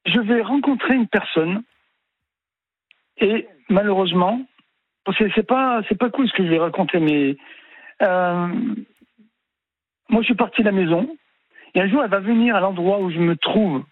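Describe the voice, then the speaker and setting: A man in his sixties calling in to a radio show, telling his own story in a halting way with many repeats and restarts. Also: sits high, no echo. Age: 60s. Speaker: caller. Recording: tinny dry phone line.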